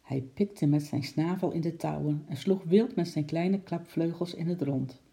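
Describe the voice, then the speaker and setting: A man reading a children's story aloud in lively storytelling style, switching into voices for the characters. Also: a little high, moderate pace, gravelly. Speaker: narrator.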